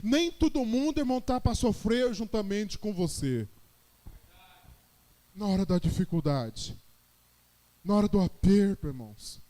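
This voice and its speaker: A man preaching with a Brazilian Portuguese accent, his voice pitched very high for a man. He tells his story like a testimony, then swells into shouted praise. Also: lively intonation, a little slow, pauses often. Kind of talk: sermon.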